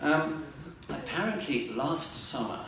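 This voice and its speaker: An older man doing stand-up comedy at a live fundraiser, telling dry jokes with pauses and fillers. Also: fairly high pitch, animated. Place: library fundraiser event room. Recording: echoey room from far off, noisy.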